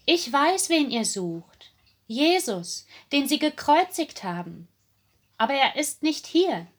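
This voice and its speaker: A woman voicing a calm male angel who speaks slowly and reassuringly in a told Bible story. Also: high-pitched, voice pushed up, full character voice. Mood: solemn.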